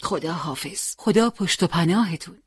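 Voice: mid-range voice, lightly acted. A reader doing an earnest old grandfather. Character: old male grandfather volunteer, stubborn and kindly.

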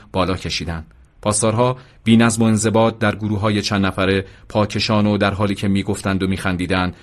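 A man with a low voice narrates an audiobook chapter calmly and steadily. He reads it as scripted narration, giving the quoted speech only a light touch.

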